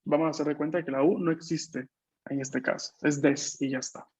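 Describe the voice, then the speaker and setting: A man's voice: on the high side, fairly even intonation, fairly quick, darkish tone, husky, highs cut off. A man teaching a Japanese class online, explaining patiently and checking that his students follow. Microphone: video call.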